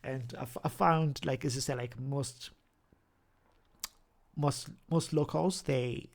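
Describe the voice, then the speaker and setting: A young YouTuber with a thick Zimbabwean accent and a creaky, medium-pitched voice talks through a casual screen-share tutorial. He's halting, stumbling over words, repeating them, and restarting often.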